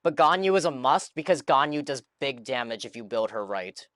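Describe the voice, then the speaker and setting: A young man streams a game and chats with viewers, giving casual live commentary in an animated mid-range voice at a moderate pace. The background is noisy, with video game music.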